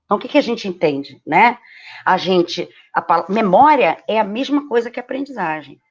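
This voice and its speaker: A woman with a Brazilian Portuguese accent giving a live-stream lecture, lively and explanatory, often checking in with tag questions. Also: mid-range voice, normal speed. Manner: animated, frequent tag questions, acts out quoted voices. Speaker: host giving a lecture on learning. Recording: dull lo-fi live-stream audio.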